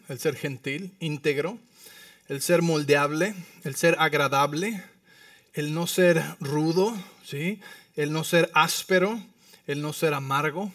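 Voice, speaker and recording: A man's voice: fairly high pitch, a bit bright, dry recording, clean studio sound, recorded from a distance. A man preaching as a pastor in a church, telling stories with humor and checking in with the congregation through frequent tag questions. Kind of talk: sermon. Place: church sanctuary.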